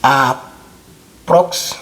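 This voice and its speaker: A man's voice: drawn-out words, fairly bright tone. A young man giving a casual video lesson, repeating words over and over to drill pronunciation and speaking straight to the viewer. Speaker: English teacher.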